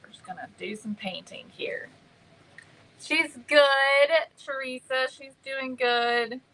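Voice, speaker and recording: A woman hosting a casual craft livestream, greeting viewers by name and filling pauses with many ums. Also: high-pitched, sharp tone, slight background noise, poor audio.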